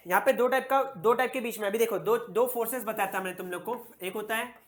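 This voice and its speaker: A male physics teacher giving a classroom lecture, posing questions and answering them himself, repeating key words slowly. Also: high-pitched, fairly bright tone.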